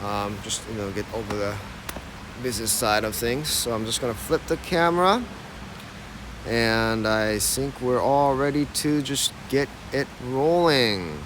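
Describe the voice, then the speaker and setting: Over a noisy background, a man speaks a little slowly in a mid-range voice. He's a tour guide in his thirties from Ohio, United States, with an American accent, casually and chattily leading a live-streamed outdoor walk down an old city street, using lots of fillers and recording on a handheld phone camera as he walks.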